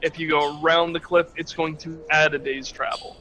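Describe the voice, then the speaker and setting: A man's voice: a little high, little pitch movement, normal speed, sharp tone, slight background noise, low-quality recording. A man acting as game master in a tabletop game, describing the scene in a rambling, hesitant way with many restarts.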